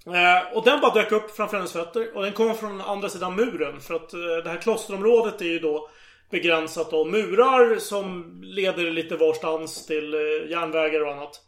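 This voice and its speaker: A man retells a story in casual chat, animated and eager to act out each quoted line. His voice sits high. The recording has a noticeable room echo.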